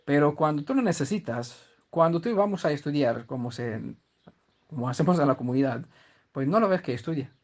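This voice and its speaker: A man gives a scripture lesson in a slightly higher-than-average voice. He talks conversationally, checks in with his listeners often, and restarts his sentences mid-thought. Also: animated, fairly quick, a little mellow. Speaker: Bible teacher. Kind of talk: explanatory scripture teaching.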